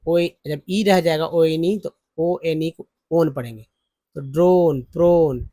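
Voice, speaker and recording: A man teaching English spelling and pronunciation from slides, repeating syllables slowly and calling viewers friends. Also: a little high, a little mellow, dry recording. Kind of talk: slide-based phonics lesson.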